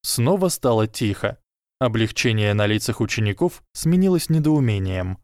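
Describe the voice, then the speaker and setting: A man's voice: lowish voice, animated, moderate pace, no room sound. Dry, close male audiobook narrator.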